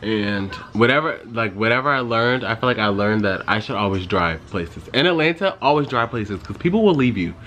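A young male vlogger talks in a loose, rambling way, piling up asides and "like" as he tells stories. His voice sits on the low side. He is recorded on a handheld phone with a faint background hum. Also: expressive, brisk, hardly any pauses, sharp tone. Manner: rambling, chatty storytelling with frequent "like". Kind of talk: casual vlog chat. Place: in his car, then at home.

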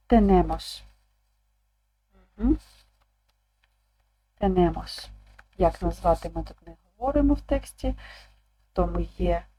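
Woman language teacher, calm and patient, slow deliberate delivery, dark mellow tone. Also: fairly low pitch, rough recording. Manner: calm, slow, repeats words aloud. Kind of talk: slow explanatory online lesson.

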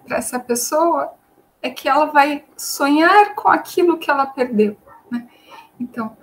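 A woman's voice: sits high, low-quality recording. A woman with a Brazilian Portuguese accent giving an online creative writing lesson, explaining patiently and repeating her points with frequent "né?". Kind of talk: online lecture with screen sharing.

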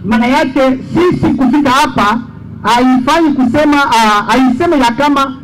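A man interpreting a preacher line by line at an outdoor church meeting, echoing each phrase and rising to shouts. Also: extremely high pitch, unhurried. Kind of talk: live sermon interpreting. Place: outdoor tent gathering.

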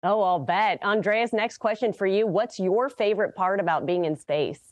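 A woman's voice: mid-range voice, moderate pace. An American woman presenting and interviewing in a morning television news style.

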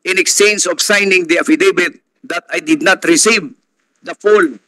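A man's voice: high voice, measured pace, bright, forceful tone, dry recording, poor audio. A man, a town mayor, reading a formal statement aloud at a hearing. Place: hearing room.

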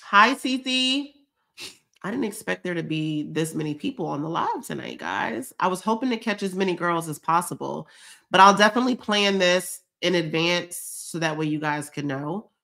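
Lady on a live stream, kinda teary, chatty, lowish voice, reads comments out. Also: expressive, moderate pace, gravelly, pushed and bright. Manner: emotional, chatty, reading viewer comments aloud. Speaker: vlogger hosting a live stream. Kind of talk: casual live-stream chat.

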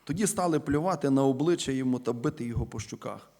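A man from Ukraine preaching a sermon in a church. He addresses the listeners as brothers and sisters, asks them rhetorical questions, and stresses key words loudly before letting his sentences fall away quietly. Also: mid-range voice, fast. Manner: emphatic, rhetorical questions, swings between loud stresses and quiet falling endings.

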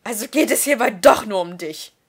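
A woman's voice: on the high side, lively intonation, moderate pace, breathy edge. A woman reading the lines of a hurt teenage boy who pleads and grows upset, his voice rising. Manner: emotional, voice rising when upset.

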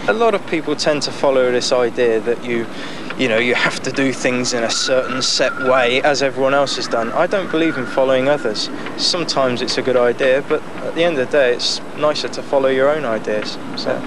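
A young man talks easily about his own project, relaxed and a little cheeky, laughing between thoughts. He is recorded outdoors on a boat deck, and the 1990s news tape carries a clear layer of wind and water noise. His pitch sits mid-range for a man. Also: a little fast, hardly any pauses. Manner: relaxed, chatty, laughs often, many fillers. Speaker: amateur boat builder. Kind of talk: casual interview.

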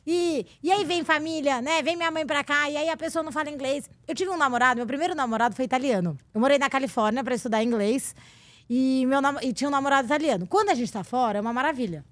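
A woman in her forties from Brazil, a guest telling stories in a relaxed, laughing chat. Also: high voice, fast talker, no echo. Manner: chatty, laughing storyteller. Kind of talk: casual chat.

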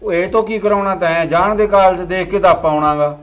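A middle-aged man, playing a gruff, dismissive father in a family drama series. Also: high voice, a little fast, soft background music, lightly acted. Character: harsh controlling village father. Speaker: father of the household.

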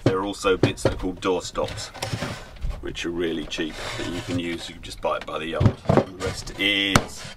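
Deep-voiced man on a boat. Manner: hesitant, many ums and restarts. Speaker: sailing vlogger. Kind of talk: casual show-and-tell. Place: outdoors on a moored sailboat. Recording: loud background noise outdoors.

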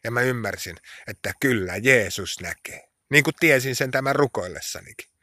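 An impassioned man preaching, his voice bright and forceful. He speaks slowly with emphatic pauses and rises into pleading cries when he prays. The sound is close and dry. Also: medium pitch, no room sound. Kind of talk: sermon.

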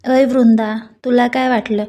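A woman voicing a brash, fiercely loyal young woman friend who talks loud and blunt in a storybook reading. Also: fairly high pitch, level tone, a little slow, lightly acted. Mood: fiery.

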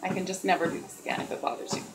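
A woman's voice: on the low side, very fast. A woman in her thirties rambling casually to camera at home while she walks on a treadmill. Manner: chatty, talking while walking on a treadmill. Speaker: vlogger. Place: small dim room at home, indoors. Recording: steady treadmill noise and clicks. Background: loud treadmill motor and footfalls.

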